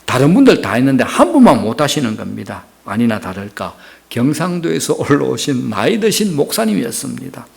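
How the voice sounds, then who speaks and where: A middle-aged pastor from the region, preaching earnestly and speaking straight to the congregation. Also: male voice, mid-range voice, very animated, fairly quick, gravelly, darkish tone. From Gyeongsang region, Korea. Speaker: senior pastor. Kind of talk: sermon.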